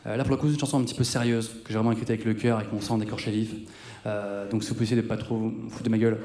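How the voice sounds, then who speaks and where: A man's voice: lowish voice, little pitch movement, racing, darkish tone, slight background noise. A man in his thirties doing live stand-up comedy on a theater stage, chatting with the audience and mocking himself. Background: guitar music.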